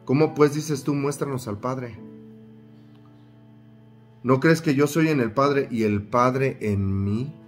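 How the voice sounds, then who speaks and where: A man's voice: mid-range voice, takes it slowly, long pauses, soft background music. A man preaching a sermon, reading scripture aloud, repeating phrases for emphasis and putting questions to his listeners.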